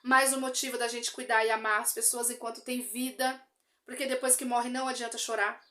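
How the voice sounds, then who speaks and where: A woman's voice: a little high, flat delivery, fairly quick, sharp tone. A Brazilian Portuguese woman giving an earnest religious testimony, speaking straight to her listeners and repeating phrases for emphasis.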